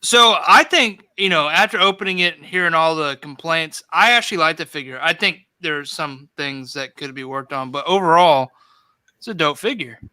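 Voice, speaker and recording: A man's voice: on the high side, normal speed, bright, forceful tone, clear, resonant tone, no room sound. A man chatting casually on a live video call, laid-back and opinionated. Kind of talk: casual chat.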